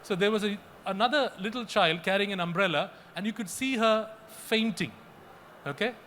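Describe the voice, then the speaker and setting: Earnest man, halting panel remarks. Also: high voice, a bit bright, slight background noise. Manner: earnest, repeats himself often, halting restarts.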